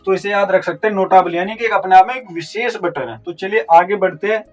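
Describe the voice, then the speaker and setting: A man's voice: high-pitched, fast talker. A man teaching a vocabulary lesson, explaining step by step with memory tricks and answering his own questions. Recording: distant mic with faint music.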